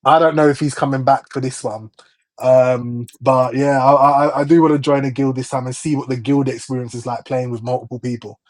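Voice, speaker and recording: A man's voice: mid-range voice, steady tone, a little fast, a little mellow. A young man hosting a gaming podcast, chatting in an easygoing way with frequent chuckles. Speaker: podcast host. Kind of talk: casual chat.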